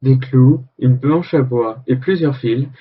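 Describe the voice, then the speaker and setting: Man as a husky, earnest news reporter. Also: medium pitch, slow, lo-fi sound. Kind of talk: scripted parody news narration.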